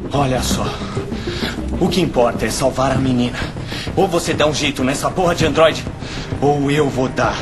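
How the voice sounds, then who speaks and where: A man voicing a brusque, impatient police captain in a dramatic video game, curt and forceful. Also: medium pitch, moderate pace, pauses often, close to an everyday voice. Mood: impatient, tense. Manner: curt, foul-mouthed, forceful. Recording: loud music over the voice.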